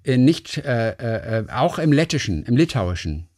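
Husky man with a lively voice, chatting. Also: medium pitch, moderate pace. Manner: rambling, reads facts aloud, self-correcting. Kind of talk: casual chat.

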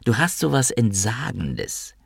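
A man voicing a dozy, timid woman in a spoken story, talking softly and breathily. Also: medium pitch, very animated, measured pace, dry recording, studio quality, voice pushed up, full character voice. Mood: meek. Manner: soft, breathy.

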